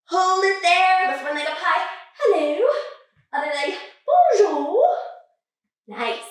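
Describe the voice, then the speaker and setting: A woman's voice: very high voice, moderate pace, pushed and bright. A woman leading a children's yoga class in a playful, sing-song way, cueing poses and making animal sounds. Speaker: kids' yoga teacher. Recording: echoey room, voice from a distance.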